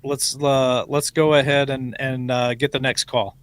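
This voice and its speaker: A man hosting a live call-in show, greeting callers and moving them along briskly. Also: medium pitch, little pitch movement, smooth, no room sound. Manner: brisk, takes calls. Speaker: host.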